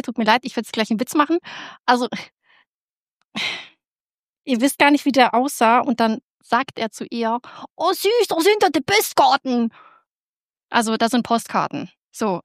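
Woman, lively storyteller, excitable and rambling, higher pitch, dry recording. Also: dry recording. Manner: animated, excitable, with many restarts. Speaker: speaker giving a personal faith testimony.

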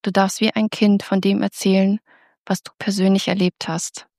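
A woman telling an audience a lively personal faith story, excitable and full of restarts. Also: mid-range voice, normal speed, gravelly, dry recording, studio quality. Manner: animated, excitable, with many restarts. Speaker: speaker giving a personal faith testimony.

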